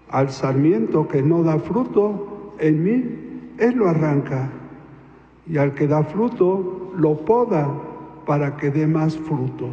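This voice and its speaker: A priest reading the Gospel aloud in a solemn, measured way, his voice carrying a cathedral echo. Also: high-pitched, warm tone. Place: large church. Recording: echoey church reverb, dull lo-fi sound.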